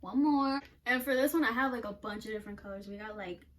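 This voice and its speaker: A woman's voice: on the high side, quick pace, fairly bright tone. Blunt, self-mocking young woman. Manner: blunt, self-mocking, swears a lot, laughs often. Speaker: beauty vlogger. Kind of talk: casual makeup vlog chat. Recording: somewhat distant mic with faint noise.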